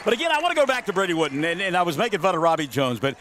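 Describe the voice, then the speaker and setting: A man calling a high school basketball game on the radio, jokey and excitable, yelling on big plays. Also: rapid-fire. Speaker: play-by-play announcer. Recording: gym crowd noise behind.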